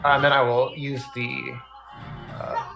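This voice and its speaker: A man's voice: medium pitch, level tone, creaky. A man playing a tabletop roleplaying game, chatting casually and rather hesitantly. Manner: hesitant, halting. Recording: roomy echo, faint music behind.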